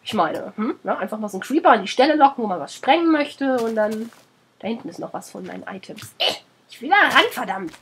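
A woman with a German accent talks fast in a fairly high, animated voice, with a bit of hiss or hum in the background. Feeling sick and under the weather, she chats through a let's play, scolding the game's animals and swearing casually.

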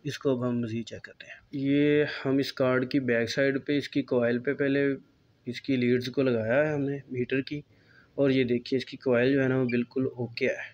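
A man, calmly explaining a step-by-step electronics repair at a workbench, recorded on a phone filming his hands. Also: medium pitch, moderate pace, lo-fi sound. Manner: calm, explanatory, pointing things out. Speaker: repair technician.

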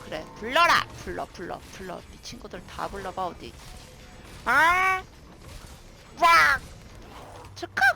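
Excitable woman yelling at a game. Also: on the high side, slow pace, creaky, long pauses, faint music behind. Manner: excitable, shouts commands and curses at monsters. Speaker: gaming streamer. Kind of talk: live gameplay commentary.

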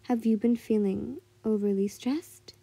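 A woman's voice: on the high side, steady tone, unhurried, vocal fry, warm tone, breathy edge, dry recording, heavily acted. A woman voicing a blunt, probing young female warrior who questions her friend in an amateur story reading. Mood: stern concern.

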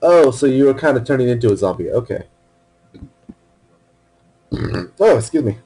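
Husky, lively man swearing through a game. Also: mid-range voice, moderate pace, low-quality recording. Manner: swearing, talking to himself, sudden excited outbursts. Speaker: let's play gamer. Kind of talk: casual game commentary. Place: alone in a room at a computer. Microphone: wearing headphones.

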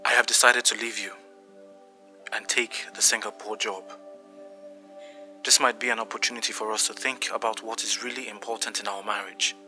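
A recorded voice message from a resolute husband, played back on a phone. His voice sits a little low and has a hard, forceful edge. He speaks in a formal, measured and final way. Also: level tone, soft background music. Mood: cold, resolute. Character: resolute husband announcing he is leaving. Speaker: husband leaving his wife.

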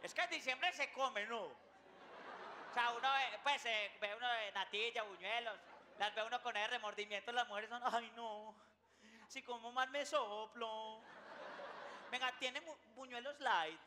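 A man who hosts a comedy show and delivers a playful, slang-heavy stand-up monologue. His voice sits very high for a man, and steady noise runs under the recording. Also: normal speed. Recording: noisy recording.

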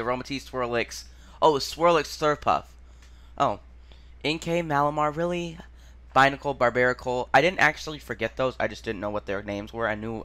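A man who hosts a gaming channel works through a quiz by thinking out loud, muttering haltingly and sounding out words along the way. His voice is mid-range and a little bright.

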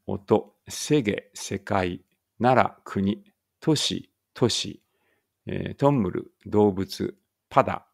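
A man from an English school slowly reading Korean vocabulary aloud with Japanese meanings, stumbling now and then and adding small asides, with a trace of an Ibaraki accent. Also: on the low side, creaky. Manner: reads each word then its meaning, with small slips and asides. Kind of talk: slow read-aloud vocabulary practice.

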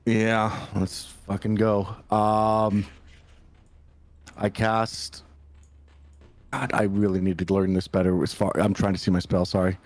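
A man plays a tabletop game and talks in a loose, casual way, swearing freely. His voice sits a bit low, and it is recorded dry and close with no room sound. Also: monotone, measured pace, pauses often, dry recording. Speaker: player.

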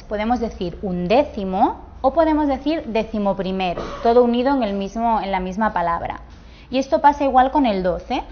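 Patient Spanish woman teaching at a whiteboard. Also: fairly high pitch. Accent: Spain Spanish. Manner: clear, patient, addresses viewers directly. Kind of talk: explaining at a whiteboard. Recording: dull lo-fi sound.

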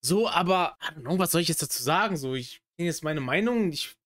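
A young adult man hosts a reaction video from a small home gaming room, giving casual, opinionated commentary in emphatic slang sprinkled with English phrases. His voice sits on the high side, expressive and brisk, with a fairly bright tone.

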